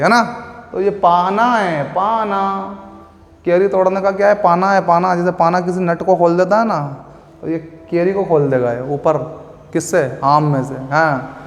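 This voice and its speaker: A male teacher giving an exam-prep vocabulary lesson, who repeats words, asks and answers his own questions, and uses playful memory tricks. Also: high-pitched. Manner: playful memory tricks, addresses listeners as beta and bhaiya. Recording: echoey room with long reverb.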